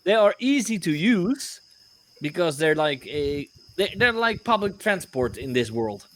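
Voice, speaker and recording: A man's voice: on the high side, sing-song, unhurried. A man, narrating as game master, often stopping to search for words.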